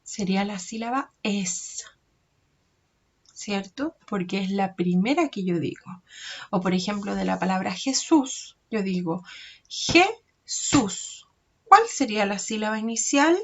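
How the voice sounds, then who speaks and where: A woman, teaching a recorded lesson to young children, slow and patient, stretching out words and checking in often. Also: medium pitch, animated. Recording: dull lo-fi recording.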